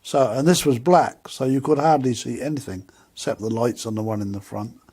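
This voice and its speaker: A man's voice: mid-range voice, brisk, darkish tone, breathy edge. An older man, telling a personal story animatedly and acting out the dialogue. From England. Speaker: UFO contactee.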